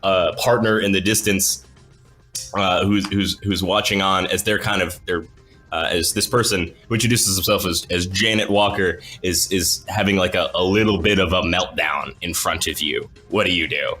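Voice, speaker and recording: Man, game master, tabletop game, casual, profane, low-ish voice, bright tone. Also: fairly even intonation, moderate pace, soft background music. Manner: casual, profane, laughing asides.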